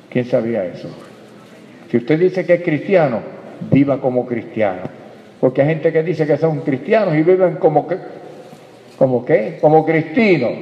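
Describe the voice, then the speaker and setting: A male pastor delivering a sermon, speaking emphatically and posing rhetorical questions to his congregation. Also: medium pitch. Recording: echoey hall, dull lo-fi sound.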